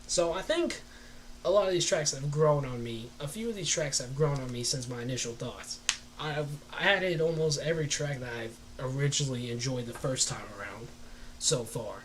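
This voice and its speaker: A man's voice: medium pitch, moderate pace, background noise. A man talking casually on a live stream as he reviews an album, rambling loosely and swearing now and then.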